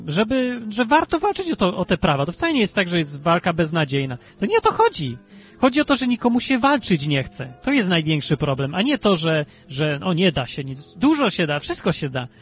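A male talk radio host chatting about politics in an animated, rambling way, with emphatic bursts and frequent restarts. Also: slightly rough. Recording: low-bitrate talk radio stream with faint music.

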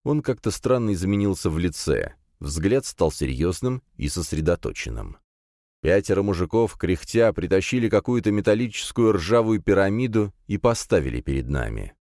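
Male narrator, deep and low, animated dramatic reading, dry booth sound. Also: normal speed, no echo. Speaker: audiobook narrator. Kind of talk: first-person fantasy audiobook narration.

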